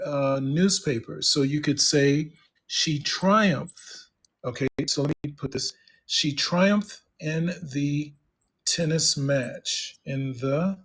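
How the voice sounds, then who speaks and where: A male English tutor speaks slowly and patiently, coaching a student one-on-one. He encourages as he goes and pauses now and then to type. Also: fairly high pitch, slightly rough. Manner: patient, encouraging, talks while typing. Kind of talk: one-on-one online English lesson.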